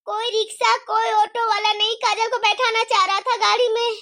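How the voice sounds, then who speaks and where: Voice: extremely high pitch, flat delivery, moderate pace, bright, forceful tone, exaggerated voice. An anxious rescuer man, voiced by an actor. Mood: urgent. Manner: urgent, pleading. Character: man who carried the injured mother home, anxious. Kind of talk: cartoon story voice acting.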